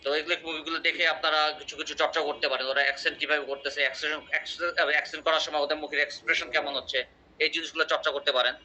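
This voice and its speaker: A man's voice: fairly high pitch, flat delivery, very fast, sharp tone, a little hiss or hum. A man teaching an English class, explaining with examples and quizzing his students. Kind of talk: online class lecture. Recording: muffled lo-fi audio.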